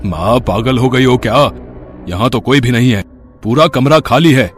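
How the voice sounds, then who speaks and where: A man voicing a grown son in an animated horror story, speaking with an impatient, dismissive manner. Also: medium pitch, normal speed, soft background music, natural voice.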